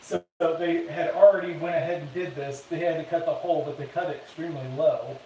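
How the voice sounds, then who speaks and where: A man's voice: a little high, fairly even intonation, fast talker, dark tone, highs cut off, slight background noise. Distant, echoey man reading comments. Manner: offhand, reads comments aloud. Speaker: co-host reading viewer comments. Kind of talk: casual live-stream chat. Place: indoors in an empty new house.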